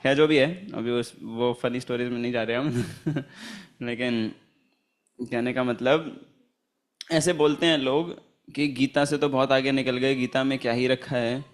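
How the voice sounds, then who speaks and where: A man's voice: mid-range voice, steady tone, unhurried. A man teaching a Gita class in a chatty, storytelling manner, laughing often and chanting Sanskrit verses. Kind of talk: informal scripture class with anecdotes.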